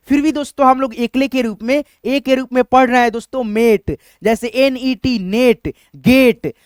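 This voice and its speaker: A man's voice: very high-pitched, clear, resonant tone, no echo, studio quality. A male teacher giving a step-by-step English pronunciation lesson, with a repetitive, patient way of explaining. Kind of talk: Hindi-language English lesson.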